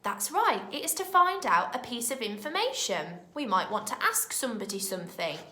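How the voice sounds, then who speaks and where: A woman teaching young children in a recorded lesson, with a British accent and a clear, expressive way of talking. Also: on the high side, echoey room. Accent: British English. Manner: slow, clear and expressive, speaking to small children. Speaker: primary school teacher.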